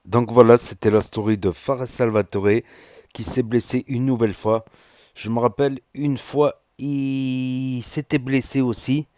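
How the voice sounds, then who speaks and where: A man's voice: medium pitch, fairly even intonation, measured pace, warm tone. A man giving casual commentary as the host of a YouTube video.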